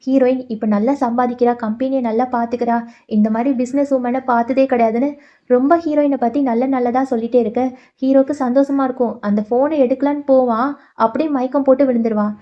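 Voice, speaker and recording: A woman's voice: high-pitched, steady tone, quick pace, dull audio. A woman casually retelling the plot of a drama in chatty storytelling. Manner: chatty storytelling, voices the quoted lines lightly.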